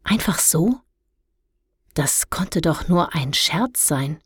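A woman narrating a children's storybook in a calm, measured way. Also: low-pitched, husky, dry recording, studio quality. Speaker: audiobook narrator.

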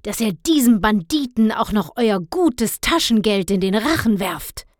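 A woman's voice: mid-range voice, expressive, a little slow, dry recording, clean studio sound, natural voice. A woman voicing a grumpy, stingy middle-aged father who scolds indignantly. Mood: grumbling.

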